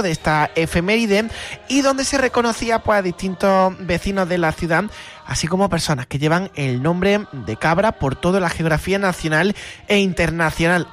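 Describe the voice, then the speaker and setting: A man hosting a radio interview, with a formal, announcer-like delivery. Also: high-pitched. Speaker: radio host.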